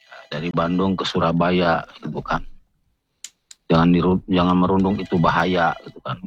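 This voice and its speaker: Brief: low male caller on a call that keeps breaking up, dull lo-fi line. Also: little pitch movement, normal speed. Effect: choppy call audio breaking up. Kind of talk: call-in chat with a radio host.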